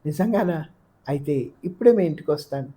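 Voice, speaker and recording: A woman's voice: low-pitched, lively intonation, brisk, warm tone. A woman reading the part of a bewildered, anxious young man, pressing with urgent questions in an audiobook. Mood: puzzled. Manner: pleading, rising urgent questions.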